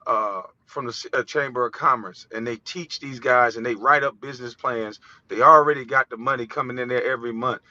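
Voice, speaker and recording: This vlogger, a U.S. man, sounds bright and forceful in the mid-range as he preaches angrily and swears his way through a passionate monologue. There's no echo; the audio is dull, dry and lo-fi.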